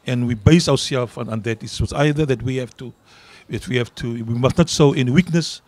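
This middle-aged Afrikaans-accented union leader from South Africa fields interview questions at an outdoor garden event, holding a handheld mic. He talks earnestly and briskly in a mid-range, slightly mellow voice, repeating words to stress his points.

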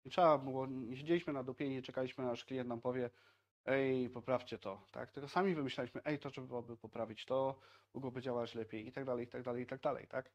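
A man's voice: mid-range voice, fairly even intonation, fast talker, lo-fi sound. A man in his thirties giving a casual talk at a tech meetup, chatty and conversational, full of fillers and tag questions. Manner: conversational, frequent filler "tak?" and "e". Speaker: software team speaker at a tech meetup. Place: meetup room in front of projected slides.

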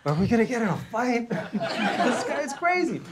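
A man's voice: extremely high pitch, big pitch swings, very noisy. Stammering, laughing middle-aged male host. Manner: halting, stammering, laughs often. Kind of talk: casual onstage interview. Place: small hall with a live audience. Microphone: stand mic.

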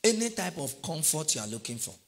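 Middle-aged male pastor, sermon delivery, fairly high and lively, call-and-response with the congregation. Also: a little fast, vocal fry. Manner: animated preaching with call-and-response questions to the congregation.

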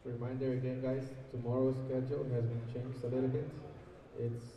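A man making soft public address announcements at a tournament, plainly reading out names and repeating them. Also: medium pitch, level tone, brisk, highs cut off. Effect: soft PA announcement echoing through a venue. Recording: echoey hall, picked up from far off.

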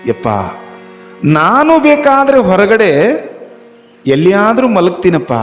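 A man doing a pleading mother with a North Karnataka accent, highish voice, slow and echoing, faint accordion behind. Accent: North Karnataka Kannada. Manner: pleading, tender storytelling tone. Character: grieving poor mother pleading with her son. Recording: echoey hall with faint accordion.

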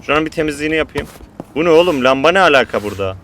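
A man streams a game and talks straight to his viewers, excitable and full of curses. His voice is higher than most men's and rings bright and sharp. His pitch jumps around a lot as he reacts. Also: very fast, slight background noise. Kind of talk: casual gameplay commentary.

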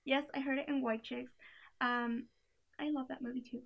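A young woman chats casually about a playlist at normal speed, relaxed and piling on fillers and little giggly asides. Her high voice carries lots of gravelly fry, captured on a camera mic in a small indoor room.

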